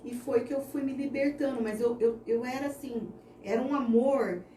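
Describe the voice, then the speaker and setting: A Brazilian woman in her thirties shares a personal faith testimony in an interview, earnest and heartfelt. Her voice sits a little high and sounds mellow. She is heard from some distance in an echoey room with faint background noise. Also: moderate pace. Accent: Brazilian Portuguese. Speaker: interview guest.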